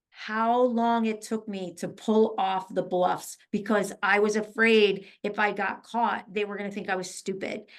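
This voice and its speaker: A woman talking as a poker pro guest in a casual podcast interview, telling lively stories and acting out what people said. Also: medium pitch. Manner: animated storyteller, acts out quoted dialogue.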